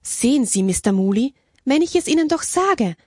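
A woman voicing an older mother superior in a storybook, calm and a bit absent-minded. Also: sits high, moderate pace, breathy edge, no room sound, clean studio sound, pitched above the performer's own voice, heavily acted.

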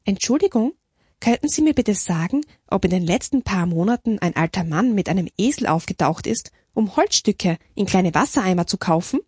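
A woman's voice: medium pitch, lively intonation, normal speed, a little mellow, husky, dry recording, studio quality. A woman voicing a talkative young nun in a storybook, chattering and wide-eyed. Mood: polite.

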